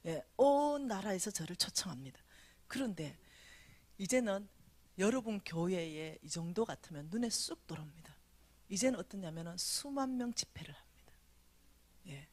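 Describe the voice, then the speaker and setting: Animated husky woman revival preacher. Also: medium pitch, normal speed, long pauses. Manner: animated, acts out voices, often drops to a whisper. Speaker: revival speaker. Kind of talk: revival sermon storytelling.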